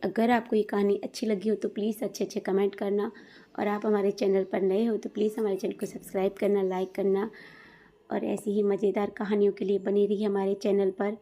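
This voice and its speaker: Mellow-voiced woman storyteller. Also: mid-range voice, fairly quick. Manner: steady, plain reading; asks viewers to comment and subscribe. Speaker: storyteller, channel host. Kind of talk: storybook narration.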